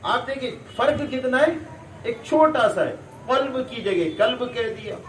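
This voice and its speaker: A man addresses parents in a madrasa hall, his fairly high voice picked up from a distance. The room is echoey and carries a faint background hum. He questions the audience and answers himself, drilling pronunciation sound by sound. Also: a bit bright. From Kerala, India. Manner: asks rhetorical questions and answers them. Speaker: visiting Islamic scholar. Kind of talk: speech to parents.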